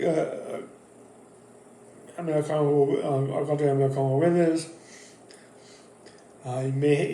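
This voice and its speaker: Guy rambling thru his wrestling picks, lots of ums and restarts, mellow voice, echoey room. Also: a little high, a little hiss or hum. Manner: rambling, with many fillers and restarts. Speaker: wrestling channel host. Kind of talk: casual wrestling predictions monologue.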